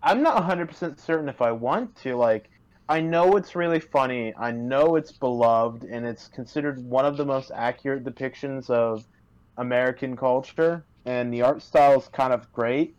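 A man's voice: mid-range voice, normal speed, darkish tone, dull audio. A man chatting casually on a call, rambling and hesitant, with many fillers and restarts. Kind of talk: casual chat. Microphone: remote call.

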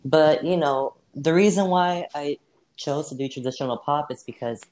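Playing a singer, a guest answers questions in a casual role-played interview, hesitant and full of fillers, laughing off any slips. The voice is mid-range and a little mellow, at normal speed.

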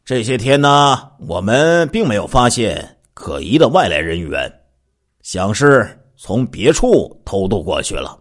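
A man voicing a middle-aged male village militia captain who speaks slowly and emphatically in an officious way. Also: on the low side, big pitch swings. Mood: earnest, officious.

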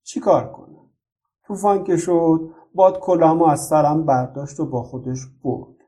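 A man's voice: a little high, lightly acted. A man reading the part of a shy young boy from next door in a storybook. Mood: upset. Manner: bashful, soft-spoken. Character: shy young boy neighbor, sad then friendly.

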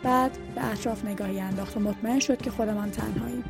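A woman's voice: medium pitch, fairly even intonation, creaky. A woman reading a novel aloud as an audiobook narrator, voicing the characters' dialogue lightly herself. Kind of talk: scripted narration over music. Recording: music bed behind the voice.

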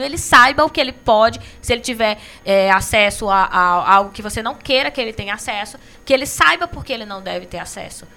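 A woman's voice: on the high side, gravelly, bright, forceful tone, a little hiss or hum. A woman co-hosting a live-stream discussion, explaining her points emphatically and repeating them for weight. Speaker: co-host.

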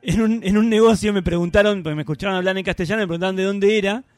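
An Argentine man hosts a casual podcast chat with sarcastic jokes and quick asides. He talks fast and his voice rides high for a man. A faint bed of music plays behind him. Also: steady tone, darkish tone. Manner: joking and sarcastic. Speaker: host.

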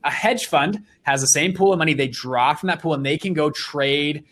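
A man's voice: a little high, moderate pace. A young man in his twenties, an interview guest, telling his story with energy and enthusiasm. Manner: energetic, enthusiastic, with frequent restarts.

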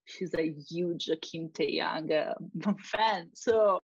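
A woman's voice: lowish voice, extremely slow, husky, dry recording. Italian lady guest, lots of uh's, laughs a lot, sleepy, dull dry audio. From Italy. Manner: hesitant, many fillers, laughs often. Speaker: guest journalist. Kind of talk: casual interview chat.

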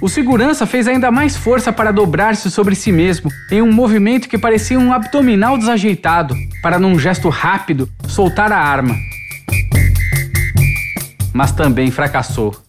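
An audiobook narrator reading a literary novel in a measured, expressive way. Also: mid-range voice, music in the background.

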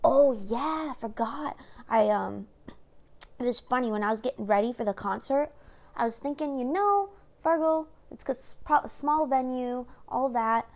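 A woman's voice: fairly high pitch, moderate pace. A young woman vlogging in a casual, rambling way, telling stories with lots of fillers. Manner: chatty, laid-back storytelling with lots of fillers. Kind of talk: casual chat.

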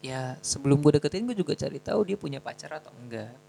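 A man's voice: on the high side, lively intonation, quick pace, vocal fry, mellow, slight background noise, rough recording. A young man casually telling a personal story in a chatty, slangy, self-mocking way. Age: young adult.

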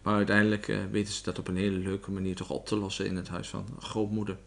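Co-host, male, casual book talk from a living room, halting delivery. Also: on the low side, flat delivery, gravelly. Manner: hesitant, many fillers. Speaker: podcast co-host. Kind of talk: casual book discussion and reading aloud.

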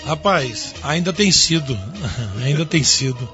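A man's voice: on the high side, lively intonation, slow, pushed and bright. A man with a Brazilian Portuguese accent, a pastor giving a folksy, preachy testimony in a radio interview. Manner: folksy, preachy, addresses listener as "rapaz". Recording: dull radio broadcast, faint music.

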